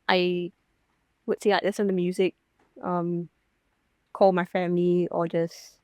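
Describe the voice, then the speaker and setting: A woman's voice: lowish voice, darkish tone, dry recording. A young woman from Singapore, a professional golfer, chatting casually in an interview with many fillers and restarts.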